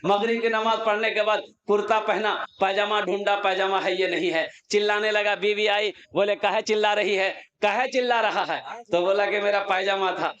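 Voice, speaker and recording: A man's voice: high voice, moderate pace, hardly any pauses, roomy sound, muffled recording. A male preacher from Kolkata at a religious gathering, telling a comic folk story into a stage microphone and acting out the lines of the people in it. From Kolkata, India. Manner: animated storytelling, acting out family members' lines. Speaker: Islamic preacher.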